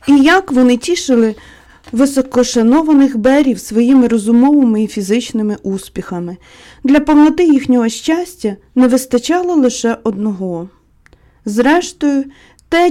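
A woman narrating a classic novel as an audiobook in a calm, measured storytelling voice. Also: fairly high pitch.

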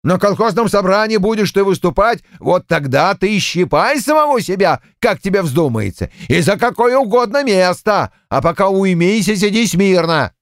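A man's voice: high voice, expressive, moderate pace, few pauses, dry recording, clean studio sound. A man playing a stern middle-aged party secretary who gives curt commands.

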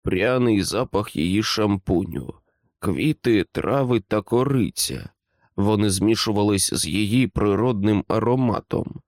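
A man narrating an audiobook in a calm, even-paced storytelling manner. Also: fairly low pitch, unhurried, dry recording, clean studio sound.

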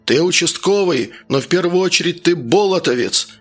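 A man voicing an angry, bullying village man who grumbles and shouts. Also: sits high, animated, normal speed, soft background music, voice pushed up. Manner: aggressive, grumbling, raised voice.

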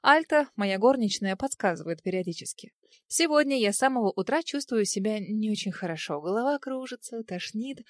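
A woman reading a first-person storybook narration in a lively, emotional way. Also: medium pitch, brisk, dry recording, studio quality. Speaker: audiobook narrator.

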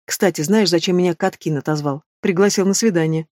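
A woman's voice: lowish voice, dry recording, studio quality, natural voice. A woman doing a chattering whirlwind student girl. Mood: eager. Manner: rapid, excitable chatter.

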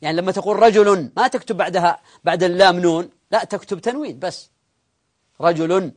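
High-voiced man teaching grammar. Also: fast. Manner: explains step by step, questions students. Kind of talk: live classroom grammar lesson.

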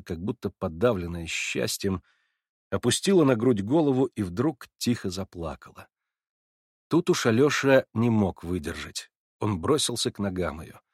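A man narrating a literary audiobook in a measured, expressive way. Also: fairly low pitch, slightly rough, dry recording, studio quality.

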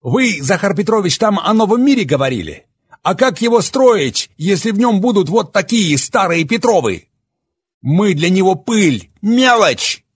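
A man voicing a furious, bitter young man who shouts and sneers. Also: high-pitched, sing-song, unhurried, slightly rough, voice pushed up, full character voice. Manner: shouting, raging, bitter sarcasm.

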